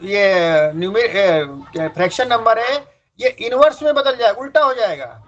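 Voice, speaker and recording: A man's voice: high voice, lively intonation, moderate pace, over a noisy crowd. A man teaching fractions in a classroom lecture, explaining step by step and repeating key points. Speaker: math teacher. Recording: dull lo-fi sound.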